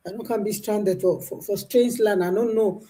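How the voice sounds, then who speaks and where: A woman's voice: mid-range voice, fairly even intonation, moderate pace, warm tone. A woman speaking in a Nigerian Pidgin accent, a guest in the conversation who complains in clipped, indignant phrases. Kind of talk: casual conversation.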